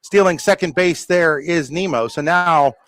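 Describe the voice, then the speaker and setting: A man doing live play-by-play of a high school baseball game, a little out of breath, with a conversational manner and apologetic asides. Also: a little slow, fairly bright tone, no echo. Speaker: play-by-play announcer.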